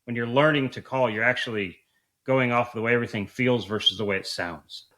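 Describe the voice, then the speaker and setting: A man's voice: medium pitch, fairly even intonation, fairly quick, a bit bright. A man giving conversational instruction as a coach, explaining things in an informal, colloquial way. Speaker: duck calling coach.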